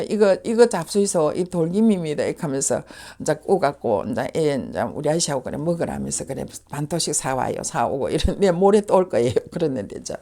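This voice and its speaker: 경상도 사투리의 걸걸한 여자 무속인. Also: female voice, on the low side. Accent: Gyeongsang. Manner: lively storytelling, acting out quoted voices. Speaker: shaman. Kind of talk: casual storytelling.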